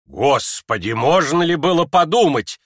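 A man's voice: fairly high pitch, expressive, unhurried, fairly bright tone, no room sound, clean studio sound, voice pushed up. A man reading aloud and voicing a middle-aged noblewoman, a flustered, indignant mother who keeps exclaiming in shock. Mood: aghast. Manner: exclaiming, aghast.

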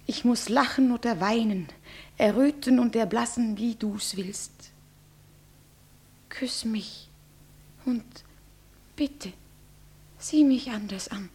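In a classic radio play, an actress portrays a frightened young bride, pleading in a breathy, trembling voice that is often a whisper. Her voice is mid-range with a darkish tone.

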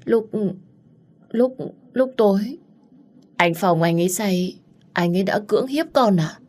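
A woman's voice: lowish voice, fairly even intonation, measured pace, close to an everyday voice. A woman voicing a scheming young daughter who speaks in a trembling, tearful way. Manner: trembling, whiny.

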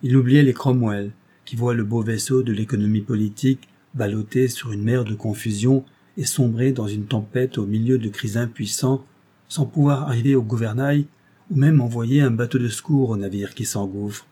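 Husky dark-voiced male audiobook narrator. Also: mid-range voice, fairly even intonation, moderate pace.

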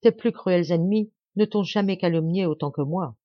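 A woman reading a bitter, vengeful young man with a grave, measured, menacing delivery. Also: on the low side, no echo, lightly acted. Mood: cold menace. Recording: dull dry lo-fi audio.

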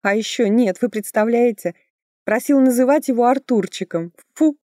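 A woman's voice: a little high, moderate pace, dark tone, no echo, clean studio sound, voice pushed up, close to an everyday voice. A woman doing a bossy folksy older woman. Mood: gossipy. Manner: folksy, scolding, gossipy. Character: bossy, buxom motherly older woman, fiercely protective. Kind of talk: audiobook character voice.

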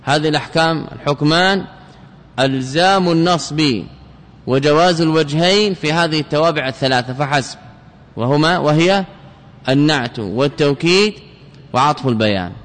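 A man teaching a classical grammar lesson, explaining step by step, often repeating phrases and reciting quoted lines slowly. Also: on the high side, fairly bright tone. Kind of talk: classical lecture explaining a text. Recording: long reverb of a large hall.

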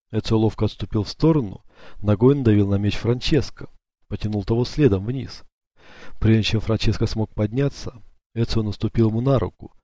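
Low, dark-voiced male narrator. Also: no room sound. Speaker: audiobook narrator. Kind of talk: scripted narration.

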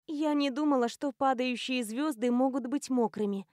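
Woman playing a tipsy young woman, giggly, stubborn, high sing-song voice, dry close sound. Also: moderate pace, darkish tone, dry recording, natural voice. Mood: tipsy, giddy.

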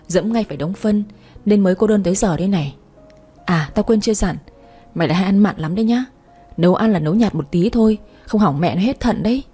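A woman narrator voicing a brash, loud-mouthed young woman who teases and bosses her friend. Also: mid-range voice, slightly rough. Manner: crude, teasing, bossy.

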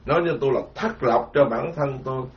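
A man's voice: medium pitch, fairly quick. A man giving an informal Buddhist dharma talk, rambling and self-mocking. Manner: self-mocking, rambling, lively storytelling with quoted voices. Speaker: Buddhist monk lecturer. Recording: dull lo-fi recording.

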